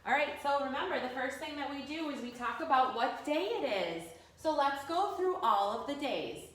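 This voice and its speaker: A woman teaching young children like a kids show host, encouraging and sing-song, pausing for them to answer. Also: sits high, lively intonation, fairly bright tone, echoey room. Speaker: early grade school teacher leading a remote morning class. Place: indoors at a school.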